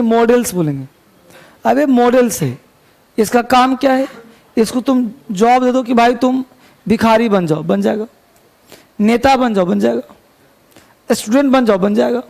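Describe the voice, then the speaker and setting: Slow, gravelly high-voiced male teacher. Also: darkish tone. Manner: chatty, joking, quizzes students. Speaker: English teacher. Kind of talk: classroom lecture. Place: classroom.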